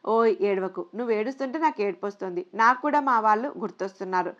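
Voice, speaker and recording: A woman voicing a kind, independent young woman who talks gently and reassuringly, on a dull lo-fi recording. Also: medium pitch, animated, fast, lightly acted. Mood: gentle.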